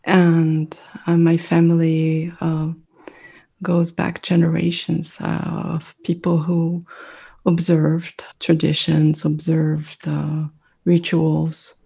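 A middle-aged mindfulness meditation teacher, a native French speaker, appears as an interview guest. Her deep, gravelly voice is monotone, dark, and breathy at the edges. She speaks thoughtfully and reflectively, often pausing to search for words.

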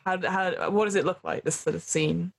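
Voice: mid-range voice, fairly even intonation, moderate pace, creaky. A game master running a tabletop role-playing game, giving casual instructions and narration to players.

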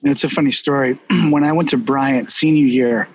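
A man with a Boston accent hosting a casual business chat, telling stories in an animated, emphatic way. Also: mid-range voice, moderate pace, a little hiss or hum. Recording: dull, slightly lo-fi.

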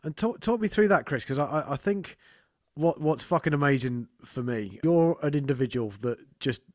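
A man hosts a podcast in a dry, close recording, with a voice a little higher than average. He talks casually and emphatically, full of sweary enthusiasm. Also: lively intonation, normal speed, a little mellow, dry recording. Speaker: podcast host. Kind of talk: casual interview chat.

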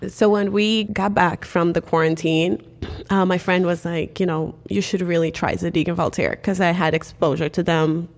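As a guest in a laid-back interview, a Cape Verdean woman tells her story with lively energy and many "like" fillers; Cape Verdean Creole is her first language. Her voice is on the low side and her speed normal.

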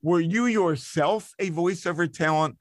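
A man's voice: fairly high pitch, unhurried, dry recording. A man hosting an interview podcast, asking questions with open enthusiasm. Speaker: podcast host.

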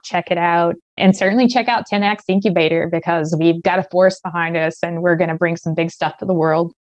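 A woman's voice: fairly low pitch, dry recording, lo-fi sound. A woman speaking as a startup founder and podcast guest in a conversational interview, recorded over a video call.

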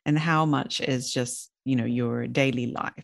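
Low-voiced chatty woman podcast host. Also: fairly even intonation, unhurried, gravelly, no room sound, clean studio sound. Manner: chatty and upbeat, with laughs and quoted asides. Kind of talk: casual podcast talk.

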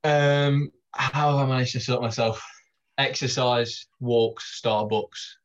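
A man's voice: medium pitch, fairly even intonation, slow. A young man chats easily on a podcast, with a wry, laid-back delivery. The audio is slightly dull and lo-fi. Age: young adult. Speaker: guest, physiotherapy student. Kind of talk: casual podcast chat.

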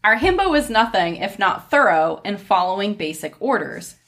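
A woman's voice: medium pitch, big pitch swings, moderate pace, gravelly, a bit bright. Woman narrating a folk tale. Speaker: narrator and host. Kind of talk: storytelling read-aloud with casual asides.

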